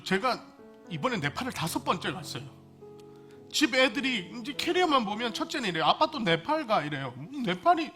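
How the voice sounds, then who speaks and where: A male pastor with a high, lively voice delivers a sermon with fervent intensity. His tone is bright and forceful, swelling into loud pleas before dropping back to quiet storytelling. Soft music plays faintly behind him. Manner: impassioned, swings between loud pleading and quiet storytelling.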